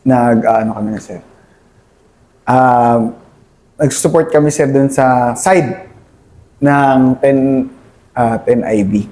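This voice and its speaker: Soft-voiced man recounting battle, saying sir. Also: medium pitch. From Philippines. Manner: addresses listener as sir constantly, halting. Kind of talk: conversational war story interview.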